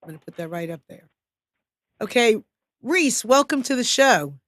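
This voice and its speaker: A woman's voice: on the high side, expressive, normal speed, dry recording, studio quality. Chatty woman hosting a live show. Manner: upbeat, chatty, welcoming. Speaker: show host. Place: studio.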